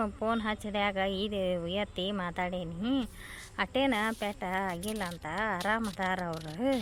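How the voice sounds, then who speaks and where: A woman voicing a calm older village father-in-law in a cartoon, speaking with a North Karnataka Kannada accent. His voice sits at a middle pitch for a woman. He talks in a brisk, reassuring way. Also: slight background noise.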